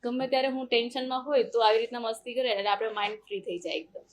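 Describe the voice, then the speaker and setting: A young adult woman, a podcast guest, telling her story in a casual and animated way and acting out the dialogue she quotes. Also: fairly high pitch, racing.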